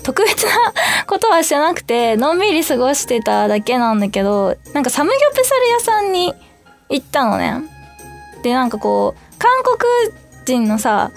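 A young woman hosting her own radio show, chatting casually and bubbly on her own, acting out little quotes as she goes. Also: fairly high pitch. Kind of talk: casual solo free talk.

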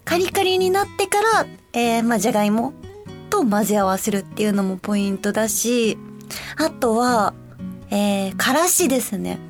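High-voiced chatty woman radio host. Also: animated, normal speed, soft background music. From Osaka, Japan. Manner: friendly, chatty, thinking aloud with soft fillers. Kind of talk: casual radio chat, reading listener letters.

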